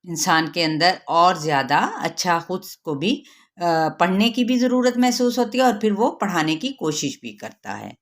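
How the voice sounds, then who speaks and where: A woman with a Pakistani Urdu accent teaching a tajweed lesson, explaining each rule and then reciting the words slowly and drawn out to demonstrate. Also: on the low side, expressive. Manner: patient, repeats and stretches Arabic words to demonstrate.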